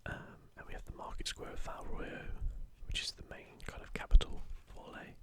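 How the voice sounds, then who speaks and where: Here an ASMR presenter murmurs rambling commentary in a quiet, unvoiced whisper, breathy and taking plenty of time.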